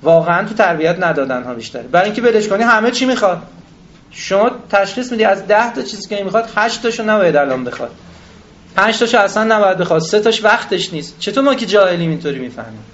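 A man delivers a religious lecture, reciting scripture and then explaining it in plain, self-deprecating talk. He often turns to the audience with questions. His voice sits fairly high, and the recording is dull and lo-fi. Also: sing-song, fairly bright tone, a little hiss or hum. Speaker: cleric lecturer.

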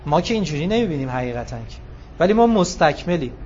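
Male preacher, higher voice, lively storytelling emphasis, dull lo-fi recording with faint hiss. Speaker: religious speaker. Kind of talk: sermon with storytelling.

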